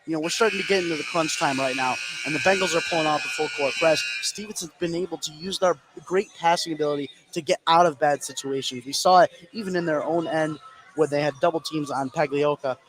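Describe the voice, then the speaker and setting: A man with a fairly high voice talks fast, offering conversational color commentary during a live basketball broadcast. The audio is noisy, captured live in a gym.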